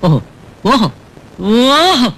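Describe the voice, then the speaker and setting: A man's voice: very high voice, very animated, extremely slow, fairly bright tone, a little hiss or hum, full character voice. An actor playing a sly, scheming conman in a comic film scene, teasing and wisecracking. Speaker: trickster posing as spirit expert.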